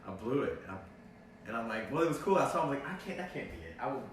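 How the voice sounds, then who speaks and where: A young man telling a story in casual chat, animated and full of "like", acting out his own reactions. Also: medium pitch, racing. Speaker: actor telling a story on a livestream. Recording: echoey, distant mic, faint noise.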